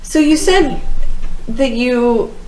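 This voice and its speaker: A woman's voice: on the high side, expressive, drawn-out words, a little mellow, slight background noise. A woman playing a tabletop game, asking probing questions and restarting them. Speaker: player. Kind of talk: tabletop role-play. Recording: echoey room.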